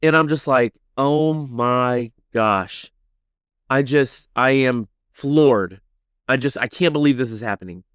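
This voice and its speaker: A man hosting a podcast, telling a story in an animated way with lots of "like"s. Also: mid-range voice, moderate pace, no echo, clean studio sound. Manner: animated, many "like"s, acts out voices.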